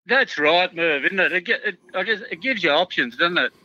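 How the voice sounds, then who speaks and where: A man's voice: sits high, lively intonation, brisk, sharp tone, dull audio. An Australian man as a podcast guest, chatting in a laid-back, friendly way. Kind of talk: casual chat.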